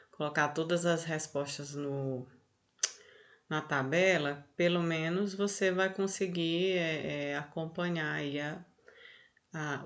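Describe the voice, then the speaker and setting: A woman teacher with a Brazilian accent going over answers in an online class, unhurried, often checking in with "tá?" and "olha só". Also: deep voice. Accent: Brazilian Portuguese.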